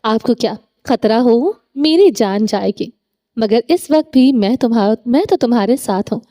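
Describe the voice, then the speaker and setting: A woman's voice: fairly high pitch, animated, dark tone, close to an everyday voice. A woman reading the lines of a proud, stubborn young woman in a romance audiobook, defiant and earnest.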